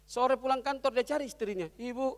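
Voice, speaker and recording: A man telling jokes at a corporate event, lively storytelling that swings between loud and soft voices. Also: sits high, fairly quick. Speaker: comedian. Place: event hall. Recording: long hall reverb.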